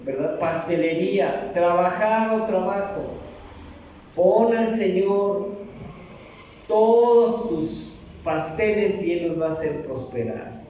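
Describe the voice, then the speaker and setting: A man's voice: high-pitched, dark tone, far from the mic, slight background noise. A middle-aged man preaching a sermon in a church, joking and asking the congregation questions. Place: church hall. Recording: echoey hall, mic from afar.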